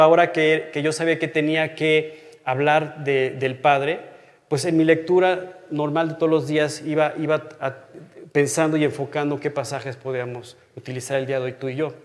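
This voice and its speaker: A man, in his thirties or older, teaching from the Bible in a personal, conversational way. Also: fairly high pitch. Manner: earnest and personal, drops to a hush on key phrases. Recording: long hall reverb.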